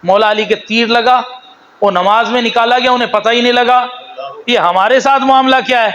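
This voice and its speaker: High, bright-voiced Pakistani preacher man. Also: dull audio. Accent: Pakistani Urdu. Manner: animated, swings between low storytelling and raised exhortation; slow, drawn-out recitation of Arabic phrases. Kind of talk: sermon.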